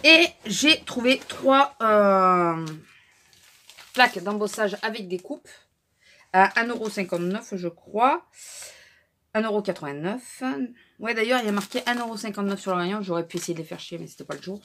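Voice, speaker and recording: A woman's voice: medium pitch, moderate pace, sharp tone, a little hiss or hum. A woman chatting casually in a haul vlog, telling an indignant story with lots of fillers and restarts. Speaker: vlogger.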